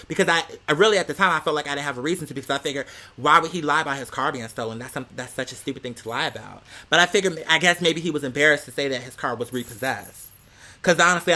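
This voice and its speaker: Telling a casual story as a rant to viewers, this American man vlogger speaks in a sassy, theatrical, slang-filled style. His voice is fairly high and bright, with a forceful tone.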